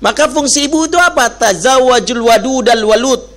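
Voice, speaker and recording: A middle-aged man giving a lively Islamic sermon. He jokes, acts out quoted dialogue in other voices and recites Quranic Arabic. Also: very high-pitched, brisk. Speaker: preacher.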